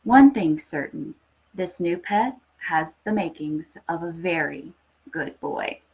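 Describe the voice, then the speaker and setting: With a low, expressive, darkish voice and a slow pace, this podcast host reads a story aloud dramatically before moving into chatty, casual live hosting. She's enthusiastic throughout, though the recording is low quality.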